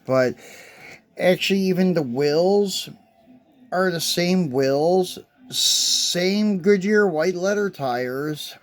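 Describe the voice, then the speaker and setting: A man casually unboxing and reviewing model trucks, chatty and loose, with filler words and side remarks. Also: on the high side. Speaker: die-cast collector reviewing toys.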